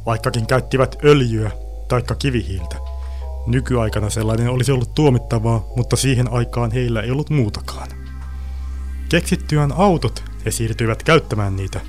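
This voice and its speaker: A man narrating a science fiction story in a calm, even storytelling manner. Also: medium pitch.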